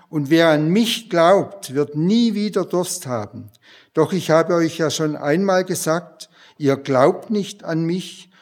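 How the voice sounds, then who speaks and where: A man preaching a sermon and reading a long Bible passage aloud in a slow, measured way. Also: fairly high pitch, a little mellow.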